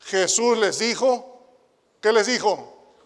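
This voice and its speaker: A man with a Mexican accent preaching a sermon to young people. He asks rhetorical questions and swings between hushed asides and loud, emphatic declarations. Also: high voice, expressive, slow pace, in a large hall. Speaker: pastor and youth director.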